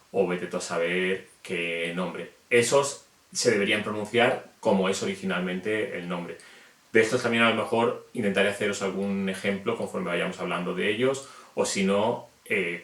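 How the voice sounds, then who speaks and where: A man's voice: on the low side, fairly bright tone. A man from Spain with a Spanish accent, chatting casually and self-deprecatingly as he explains something to viewers in a video. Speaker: reptile hobbyist explaining names. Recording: echoey room.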